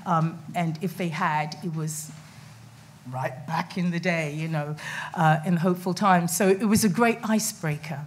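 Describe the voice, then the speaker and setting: Using a table mic on a stand in a conference room, a middle-aged documentary maker talks on a festival panel at a measured pace in a lowish voice. Her speech is chatty, with many fillers and false starts.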